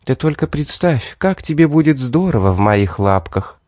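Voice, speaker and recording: A man's voice: mid-range voice, expressive, moderate pace, a little mellow, no room sound, studio quality, voice pushed up, natural voice. A man voicing a sly, predatory young woman who is part beast, purring and mocking in a storybook reading. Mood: teasing purr.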